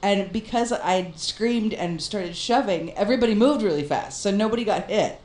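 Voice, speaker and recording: A woman co-hosting a casual chat, telling a story in an animated way and laughing often. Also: mid-range voice, normal speed, roomy sound. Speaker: podcast co-host.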